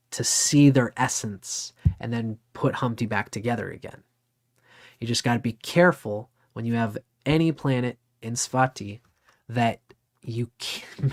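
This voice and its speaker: A man in his forties giving a casual, rambling talk on astrology, conversational and sometimes swearing. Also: mid-range voice. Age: 40s. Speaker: astrology teacher. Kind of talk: casual lecture.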